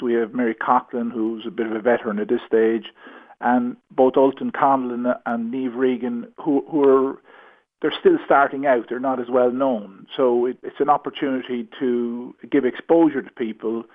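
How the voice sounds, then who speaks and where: A man in his sixties with a Galway, west of Ireland accent is interviewed by phone on a radio show as a concert promoter. His mid-range voice is hesitant and he repeats words as he goes. The thin, narrow-band telephone line shapes the sound of this casual chat.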